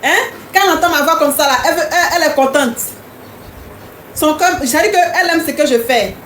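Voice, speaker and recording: A woman's voice: high voice, a little fast, a bit bright, echoey room, slight background noise. A woman hosting a live stream, chatting casually and teasingly with viewers, repeating herself often. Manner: repetitive, teasing, talks straight to commenters.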